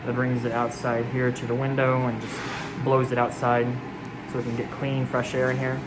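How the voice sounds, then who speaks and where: A man's voice: mid-range voice, monotone, moderate pace. A man giving a casual, informal walkthrough vlog of a work site, his voice muffled behind a protective mask. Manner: informal, addressing viewers directly. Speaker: vlogger showing a mold remediation job. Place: indoors at a house under mold cleanup. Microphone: handheld camera, later on selfie stick. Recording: very noisy handheld recording, loud machinery hum. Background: loud air scrubber and ventilation noise.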